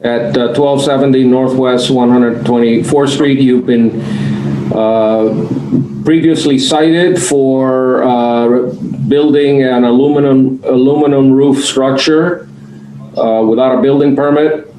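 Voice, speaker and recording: A man presiding over a formal hearing as magistrate, explaining rulings in a measured, halting way. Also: mid-range voice, steady tone. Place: online public hearing on video call. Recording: echoey room, faint background noise.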